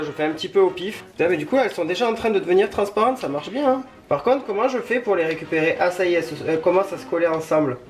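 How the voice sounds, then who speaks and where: A man chatting informally through a hands-on tutorial vlog in a home kitchen, self-deprecating and loosely spoken with some mild swearing. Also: high voice. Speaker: video creator testing a product.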